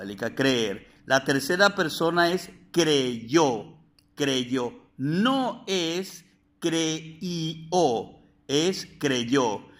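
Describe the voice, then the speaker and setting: A man teaching a recorded video lesson, slowly repeating and spelling out verb forms for his students. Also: mid-range voice, a bit bright. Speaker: Spanish teacher.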